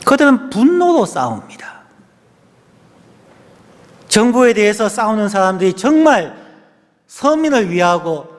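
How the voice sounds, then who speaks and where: A male pastor preaching an earnest sermon in a church, swinging between strong stresses and hushed, almost whispered phrases. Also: high voice. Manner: earnest preaching, rising and falling between loud stress and soft near-whispers. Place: church sanctuary. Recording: long church hall reverb.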